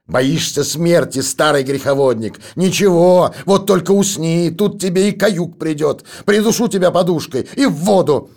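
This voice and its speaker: A man's voice: on the high side, expressive, moderate pace, few pauses, darkish tone, voice pushed up. A man putting on a raving, shrieking woman. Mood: threatening. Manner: shrieking, cursing. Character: raving, hysterical young woman, furious.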